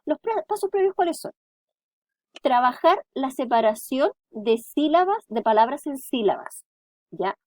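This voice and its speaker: Female teacher, higher voice, dry recording, lecture delivery. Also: darkish tone, no echo. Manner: explanatory, frequent tag "¿ya?".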